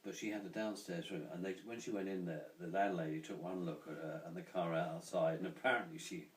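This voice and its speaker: A man telling an anecdote at a dinner table, animated and often laughing as he goes. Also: sits low, a little fast, reverberant, recorded from a distance. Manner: animated, laughs through his own story. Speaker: storyteller. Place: room at a dinner gathering.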